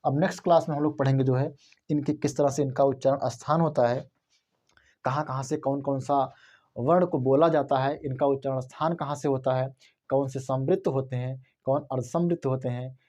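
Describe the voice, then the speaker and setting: A man's voice: medium pitch, fairly even intonation, brisk, warm tone. A male Hindi teacher giving an explanatory lesson, repeating his points and asking himself rhetorical questions.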